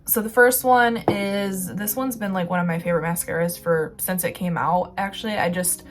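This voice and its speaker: A woman's voice: lowish voice, fairly even intonation, moderate pace, slight background noise. A young woman vlogger chatting casually about beauty products, rambling with lots of filler words.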